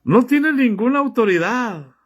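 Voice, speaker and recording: Guy with a high voice preaching, reads bible verses then throws questions at the crowd. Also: lively intonation, a little slow. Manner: fires rhetorical questions at listeners; reads scripture aloud and comments on it. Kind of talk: sermon.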